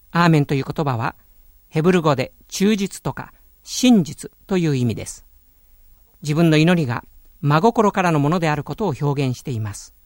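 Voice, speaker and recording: A man giving a calm, earnest radio sermon, speaking in a measured way. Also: a little high, no echo, clean studio sound. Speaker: radio preacher.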